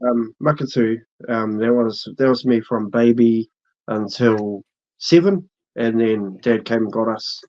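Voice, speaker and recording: A man's voice: medium pitch, a little slow, dark tone. A man with a broad New Zealand accent chatting casually as an interview guest, in a laid-back, slangy way. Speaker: interview guest, social media creator. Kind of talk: casual chat. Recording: dull, muffled lo-fi audio.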